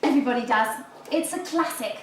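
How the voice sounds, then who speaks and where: An actress playing a breezy, self-satisfied teacher. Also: female voice, a little high, a little fast, far from the mic, background noise, lightly acted. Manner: airy, self-satisfied, chatty. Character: breezy flirtatious woman teacher, middle-aged. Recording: echoey room, music behind.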